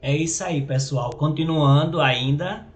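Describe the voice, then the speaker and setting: A male teacher with a Brazilian Portuguese accent giving a grammar lesson, halting and repeating words, often checking with his listeners. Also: fairly high pitch. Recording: echoey room with faint noise.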